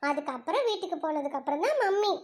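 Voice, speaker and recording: A woman voicing a patient but scolding schoolteacher in a puppet-show cartoon. She coaxes softly and lectures firmly. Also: extremely high pitch, sing-song, fast talker. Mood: coaxing. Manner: soft coaxing, then firm scolding. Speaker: teacher.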